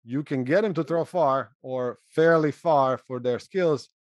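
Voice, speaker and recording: Earnest coach, dry sound. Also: male voice, mid-range voice, unhurried, no echo. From Croatia. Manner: earnest, adds "right?" to check in. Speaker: college throwing coach, host. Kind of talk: casual interview chat.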